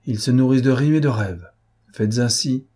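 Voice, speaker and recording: A man's voice: mid-range voice, normal speed, mellow, voice pushed up, close to an everyday voice. A man voicing Prince Cernine, cold and scornful. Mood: haughty. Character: haughty, mocking rich male prince, cold schemer. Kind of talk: audiobook character voice.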